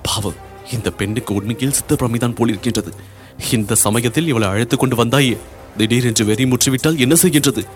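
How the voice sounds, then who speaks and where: A man voicing a dignified royal princess who speaks with measured authority. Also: mid-range voice, soft background music, natural voice. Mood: hushed. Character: dignified royal princess, stern yet compassionate.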